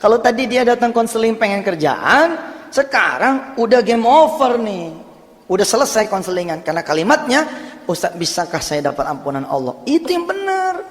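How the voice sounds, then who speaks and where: A man preaching a sermon, telling a counseling story with lively swings between loud urging and hushed tones. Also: fairly high pitch. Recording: long hall reverb.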